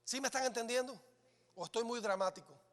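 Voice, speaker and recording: A male pastor preaching a sermon in a church, dramatic, swinging between loud exclamations and hushed lines. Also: extremely high pitch, quick pace. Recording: reverberant church hall.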